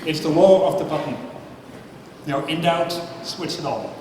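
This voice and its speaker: At a normal speed and with a slightly high voice, a man from the Netherlands gives a chatty, self-deprecating talk at a science night and quizzes the live audience. The mic sits far away in a large, echoey, noisy hall.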